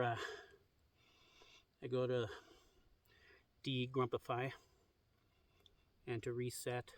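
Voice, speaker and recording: An easygoing man talks through his outdoor camp dinner, rambling with fillers. He records on a phone camera in the open air. His voice sits a bit distant from the mic, at an average pitch for a man. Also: dry recording. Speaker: vlogger. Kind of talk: casual camping vlog. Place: outdoors at a campsite on a cliff edge.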